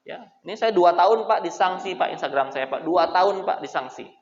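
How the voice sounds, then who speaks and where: A man preaching a lively sermon, joking with his audience and calling out to them directly. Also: sits high, fairly quick. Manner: animated, jokes with the crowd, addresses them as Pak. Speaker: Islamic preacher. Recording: echoey, dull hall recording.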